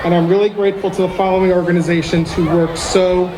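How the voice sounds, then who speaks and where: A man giving a formal podium speech as a school leader hosting an outdoor ceremony, speaking in measured, separated phrases. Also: high-pitched, level tone. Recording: noisy outdoor recording with crowd sounds.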